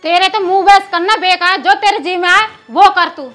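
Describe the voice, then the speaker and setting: A woman's voice: extremely high pitch, steady tone, moderate pace, fairly bright tone, faint music behind. A woman playing an indignant rural mother-in-law who nags and scolds. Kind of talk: rural film drama acting.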